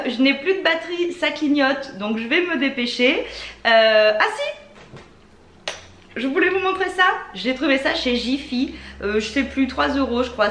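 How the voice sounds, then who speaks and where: A woman with a French accent chats her way through a beauty haul with easy enthusiasm and lots of little fillers. Her voice sits a little high. The room sounds echoey, with a faint hum of ambient noise behind her. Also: fairly bright tone. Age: adult with children. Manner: chatty, enthusiastic, many fillers. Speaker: beauty vlogger. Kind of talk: casual product haul.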